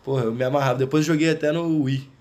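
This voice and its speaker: A man's voice: mid-range voice, steady tone, quick pace, darkish tone. A Brazilian man co-hosting a casual podcast, chatting in slang with plenty of swearing. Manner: street slang, heavy swearing. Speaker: podcast co-host. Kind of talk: casual chat. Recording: faint background noise.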